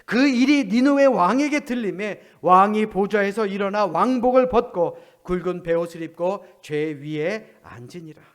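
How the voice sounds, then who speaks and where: A male pastor delivering a sermon, asking rhetorical questions and swinging between loud emphasis and hushed asides. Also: high-pitched, moderate pace, few pauses.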